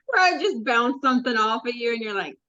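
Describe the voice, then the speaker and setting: A woman's voice: a little high, sharp tone, no echo. A woman co-hosting a casual faith podcast, light and agreeable, laughing often. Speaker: podcast co-host. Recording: dull, slightly muffled sound.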